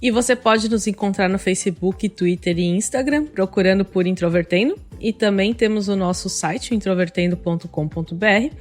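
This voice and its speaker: A woman's voice: mid-range voice, normal speed, few pauses, faint music behind. Woman in her thirties hosting a podcast. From Brazil. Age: 30s. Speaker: podcast host.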